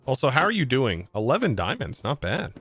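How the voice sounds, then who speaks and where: A man's voice: mid-range voice, huge pitch swings, fairly quick, fairly bright tone, slightly rough, no room sound. An American man streaming a game, chatting casually and answering his chat in disbelief. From United States. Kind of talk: casual livestream chat while gaming.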